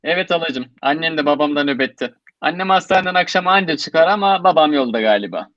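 Radio drama: man as casual cheeky grandson, lightish pitch, dry muffled sound. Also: animated, fast talker, dry recording, natural voice. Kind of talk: Turkish radio theatre acting.

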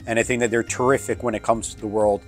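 A man's voice: fairly low pitch, flat delivery, fast talker, soft background music. A man, thoughtfully sharing opinions in a home interview on a lapel mic. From Philadelphia, United States. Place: open-plan home living room. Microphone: clip-on lapel mic.

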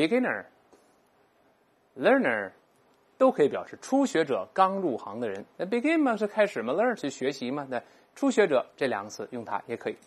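Patient and lively, this husky English teacher speaks at a medium pitch throughout a recorded vocabulary session. Each English word gets said slowly and aloud for the learners' benefit.

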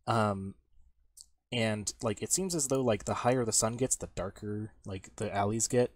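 A man's voice: on the low side, moderate pace, no room sound. A man running a tabletop game as game master, narrating casually with lots of fillers, restarts and swearing. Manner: rambling, many fillers and restarts, swears freely.

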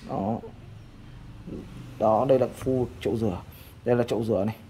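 A man explains a design while he draws, in an easygoing, rambling way. His pitch sits in an ordinary middle range. A faint hiss of background noise runs under the desk recording. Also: fairly quick, gravelly, dark tone. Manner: chatty, many fillers and repeated "đó". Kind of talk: casual explanatory walkthrough while drawing.

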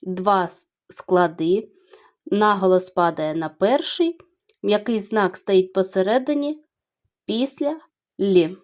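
A middle-aged woman teaching young children in a video lesson, explaining slowly and carefully, syllable by syllable. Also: medium pitch, a little mellow. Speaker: primary school teacher.

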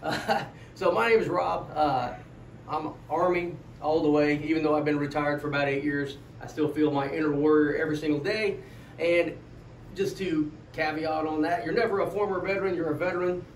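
A man's voice: a little high, fairly even intonation, normal speed. A middle-aged man with an American accent hosting a casual podcast, rambling and joking. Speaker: podcast host. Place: echoey room, away from the mic. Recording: echoey room, distant mic, faint noise.

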